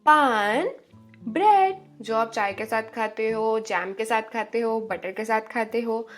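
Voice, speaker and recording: A woman giving an online language lesson, drawing out each word slowly and asking the viewers questions. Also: on the high side, faint music behind. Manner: slow, drawn-out spelling of each word; encouraging, asks questions to viewers. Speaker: language teacher.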